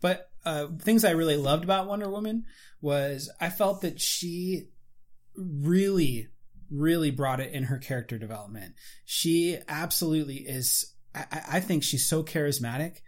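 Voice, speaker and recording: A man in casual conversation reviewing a movie, animated and full of fillers and restarts. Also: a little high, moderate pace.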